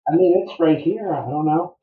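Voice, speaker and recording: A man's voice: a little high, moderate pace. A man co-hosting a casual live-stream chat, his voice coming through distant and muffled from a webcam mic, as if through a wall. He often stammers and repeats his first words. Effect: distant, muffled sound from a webcam mic, as if through a wall. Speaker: co-host. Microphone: webcam microphone.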